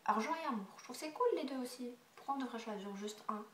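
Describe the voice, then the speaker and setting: A woman's voice: fairly high pitch, fast talker, far from the mic. Stuffy-nosed young woman in an echoey room. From Belgium. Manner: chatty, hesitant, many fillers, drops to quiet asides. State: congested nose, stuffy breathing. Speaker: beauty vlogger. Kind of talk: casual Q&A tag video.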